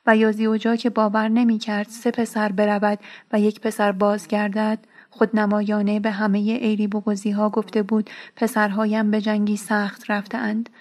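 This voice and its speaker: A woman reading a novel aloud as an audiobook narrator, measured and steady. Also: medium pitch.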